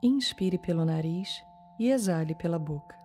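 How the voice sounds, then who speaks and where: A Brazilian woman leading a guided meditation in a calm, soothing manner, leaving long pauses between short phrases. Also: on the low side. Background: soft music.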